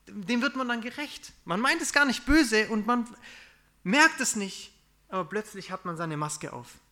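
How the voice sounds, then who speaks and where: A young man preaching in a relaxed, conversational way, confessing his own failings and acting out what people say. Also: high voice. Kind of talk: casual sermon.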